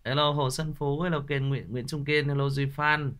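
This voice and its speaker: A man's voice: mid-range voice, steady tone, normal speed, a bit bright. A man hosting a ghost-story livestream, chatting casually with viewers and teasing them with jokes. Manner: joking, teasing banter. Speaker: livestream host reading ghost stories.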